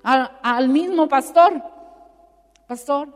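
A woman's voice: high-pitched, a little slow. A woman preaching a sermon with emphatic rhetorical questions, acting out little dialogues. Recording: long hall reverb with faint music.

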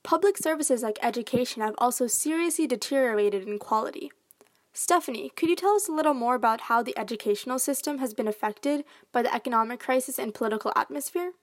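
A woman's voice: on the high side, quick pace. A sixteen-year-old girl as a student reporter, reading narration and asking interview questions. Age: teens.

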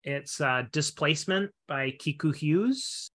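Bright-voiced hesitant man chatting. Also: on the high side, takes it slowly. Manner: relaxed, hesitant, restarts and trails off. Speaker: podcast co-host. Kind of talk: casual book-club chat.

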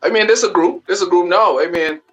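A man's voice: sits high, a little fast, fairly bright tone, faint music behind, poor audio. A man from the Bahamas with a Bahamian accent, a new artist talking loosely over a video call, full of fillers. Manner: loose and rambling, many fillers. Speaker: new recording artist, guest. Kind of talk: casual interview chat.

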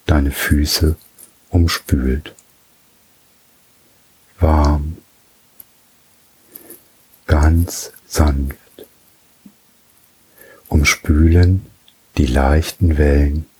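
A man guiding a relaxation journey in a soft, soothing way, with long pauses between phrases. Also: rumbling low, husky, low-quality recording. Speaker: meditation guide.

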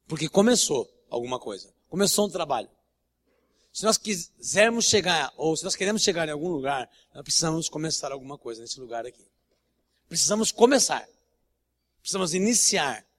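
A man with a Brazilian Portuguese accent, a pastor preaching a sermon full of blunt, emphatic stories and repeated phrases. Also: a little high. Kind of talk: sermon with anecdotes. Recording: long church-hall reverb.

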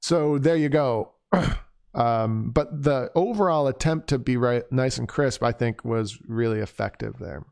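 A man's voice: medium pitch, measured pace, creaky, darkish tone, clean tone. A man giving a casual spoken critique of a bagpipe performance as an instructor. He is conversational and digressive, thinking aloud as he goes.

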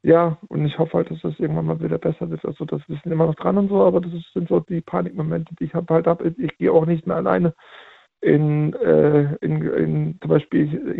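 Very gravelly man over the phone. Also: on the high side, dry recording. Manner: halting, repeats himself. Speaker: caller. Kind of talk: call-in chat. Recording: tinny phone line.

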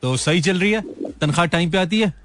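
A man's voice: sits high, normal speed, background noise. A man from Pakistan with a Pakistani Urdu accent, hosting a call-in radio show in a joking, teasing way and mixing in English phrases. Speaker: radio host.

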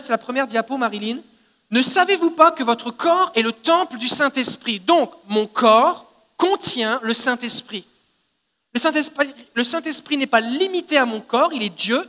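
A man's voice: extremely high pitch, pushed and bright. A male pastor with a Québécois French accent preaching a sermon in a conversational teaching manner, often checking in with his listeners. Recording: long hall reverb.

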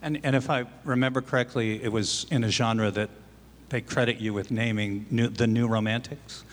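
A man hosting an interview, asking measured, prompting questions. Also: medium pitch, steady tone. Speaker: interviewer, host. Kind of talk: conversational interview.

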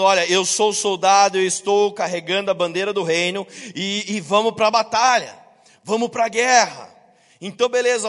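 Guy preaching in church, kinda high voice, long echo, tells stories and does the voices, jokes with the crowd. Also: a bit bright. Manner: storytelling, acts out quoted voices; jokes with the congregation. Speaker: pastor. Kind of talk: sermon.

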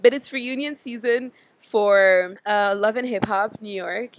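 A woman podcast co-host chats casually in a mid-pitched voice with a dry, close sound. She is informal and slangy, stressing words emphatically over an internet call. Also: a little slow, dry recording. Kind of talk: casual chat. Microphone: internet video or voice call.

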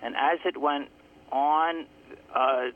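A man speaking as a guest author in a phone-in radio interview, heard through a crackly phone line that fades in and out, telling his story slowly and reflectively. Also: a little high, steady tone. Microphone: telephone. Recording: tinny telephone line.

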